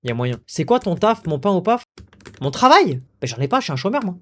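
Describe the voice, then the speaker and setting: A young man streams live, riffing and joking with his viewers in a rowdy, slangy way. His voice sits high. It swings up and down with lively energy. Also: fairly quick, slight background noise. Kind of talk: casual live-stream chat.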